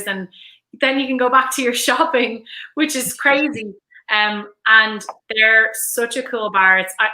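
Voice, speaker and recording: A woman's voice: mid-range voice, pushed and bright, roomy sound, rough recording. A woman in her thirties from Dublin with an Irish accent, chatting enthusiastically as a guest on a livestream, full of "like" and "um". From Ireland (Dublin). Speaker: brand ambassador guest. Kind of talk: casual livestream chat.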